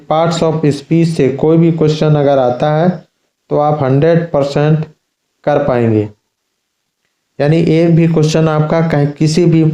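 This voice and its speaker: Male grammar teacher, slow careful explaining, fairly high voice, echoey room. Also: warm tone. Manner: slow, repetitive explaining, addressing children. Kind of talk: classroom lesson.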